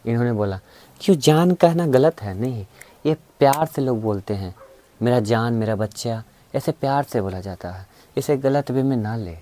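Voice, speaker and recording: A man's voice: mid-range voice, animated, moderate pace, mellow. A man teaching a reasoning class in a classroom, coaxing the students along with frequent check-ins. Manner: coaxing, repeats "है ना" and "ठीक है". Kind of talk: classroom lecture. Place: classroom with students present, also streamed online.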